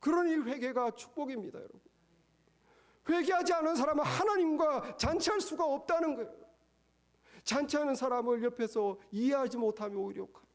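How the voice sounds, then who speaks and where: Delivering his sermon briskly, this male pastor leans on emphasis and rhetorical questions, moving back and forth from loud, lifted passages to hushed, low asides.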